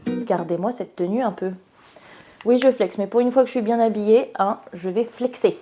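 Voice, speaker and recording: A woman's voice: mid-range voice, moderate pace, warm tone, soft background music. A tired young woman from France chatting casually to camera in her student vlog, self-mocking and laughing often. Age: young adult. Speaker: student vlogger.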